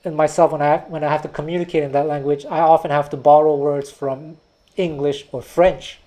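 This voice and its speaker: In a brisk, flat, mellow voice that sits a little high, a music teacher and video host walks through history in a thoughtful, digressive way. He's from Quebec, Canada, speaks Taiwanese as his first language, and often restarts words.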